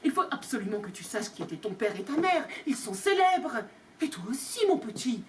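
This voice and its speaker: A gruff giant groundskeeper with booming, indignant outbursts, as a woman storyteller puts him on. The voice swoops high and low, and it is picked up from across the room over faint background noise. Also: sing-song, fairly quick, recorded from a distance.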